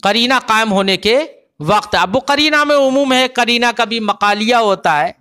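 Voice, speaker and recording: A man's voice: high voice, sharp tone, clear, resonant tone. A male religious teacher, giving a grammar lecture and often asking the class whether they have understood. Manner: explains and checks understanding with repeated questions.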